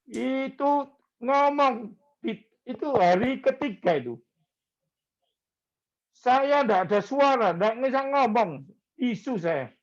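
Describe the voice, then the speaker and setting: A male pastor, preaching in a slow, conversational way and mixing in words. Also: very high-pitched, expressive, lo-fi sound. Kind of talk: sermon.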